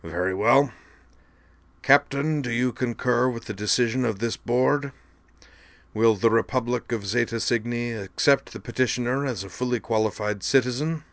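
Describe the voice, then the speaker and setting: A man's voice: mid-range voice, moderate pace, dry recording, pitched above the performer's own voice, close to an everyday voice. A man voicing a formal, officious male doctor who chairs a review board and delivers rulings stiffly. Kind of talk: audiobook dialogue.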